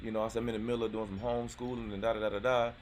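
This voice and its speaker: Male host in his forties, low voice and quick delivery, relaxed, chatty manner. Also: very noisy. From North Carolina, US. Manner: laid-back, rambling, lots of "you know what I'm saying". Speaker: channel host. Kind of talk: casual live-stream chat. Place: outdoors near a golf course.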